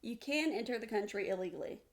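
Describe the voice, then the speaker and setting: A woman's voice: on the high side, animated, quick pace. A woman co-hosting a podcast, in a casual debate, insisting on her point and explaining by analogy. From United States. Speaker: podcast co-host.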